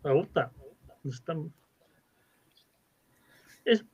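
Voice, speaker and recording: A man's voice: fairly high pitch, lively intonation, extremely slow, breathy edge. A man chatting casually as a wrestling panelist, with blunt, sweary interjections. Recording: dull, lo-fi voice sound.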